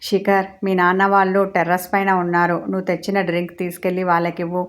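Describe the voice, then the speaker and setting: A woman's voice: lowish voice, completely flat delivery, fast, natural voice. A woman voicing a middle-aged aunt who scolds mildly, in a story read aloud. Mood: scolding.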